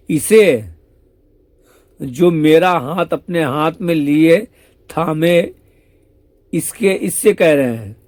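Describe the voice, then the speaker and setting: A man voicing a scolding Krishna, raised pitch. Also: a little mellow, no room sound. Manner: scolding, exasperated. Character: divine young cowherd man, scolding and teasing.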